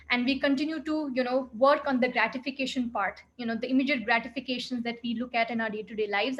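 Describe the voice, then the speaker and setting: A woman, a clinical psychologist giving an earnest, reflective expert talk with frequent "you know" fillers. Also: a little high. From India.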